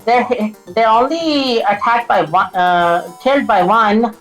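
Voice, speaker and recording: Woman, casual gameplay commentator; fairly high voice, stumbles and restarts a lot, faint music under her. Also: unhurried, rough recording. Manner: stuttering, flubs and restarts lines, laughs often. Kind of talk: casual let's-play commentary.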